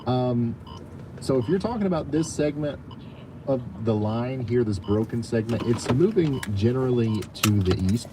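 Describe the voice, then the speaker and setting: A man's voice: medium pitch, expressive, moderate pace, background noise. A man ad-libbing live severe weather commentary as a streamer, with a stop-start, hesitant delivery as he reads the situation. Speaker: live weather streamer giving storm coverage.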